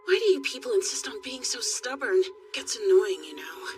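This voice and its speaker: A blunt, mocking young woman in an English anime dub. Her voice sits a bit high and swings widely as she needles people. Soft music plays underneath. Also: sing-song, normal speed. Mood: scolding. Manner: teasing, cutting, blunt.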